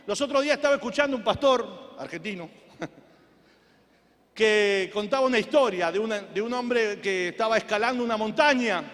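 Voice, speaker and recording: A man with a very high, bright and forceful voice preaches a sermon with fervor, rising to shouts and then dropping back to quiet intensity. His words ring out in the long reverb of a church hall. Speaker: pastor. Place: church sanctuary.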